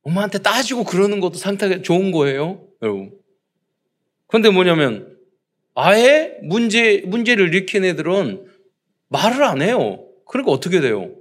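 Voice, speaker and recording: A man's voice: high-pitched, very animated, a little fast, a bit bright. A man preaching a sermon to his congregation, asking rhetorical questions and acting out parents and children. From South Korea. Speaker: pastor.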